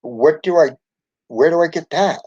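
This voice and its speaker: A man's voice: on the high side, big pitch swings, dark tone, husky, lo-fi sound, voice pushed up, exaggerated voice. Man doing an eager little boy, storybook voice. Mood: excited. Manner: eager and quick to react. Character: excited young boy patient.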